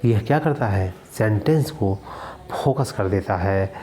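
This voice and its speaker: A man's voice: on the low side, animated, measured pace, warm tone. A male teacher giving a grammar lesson, asking his own questions and answering them, repeating key words for emphasis.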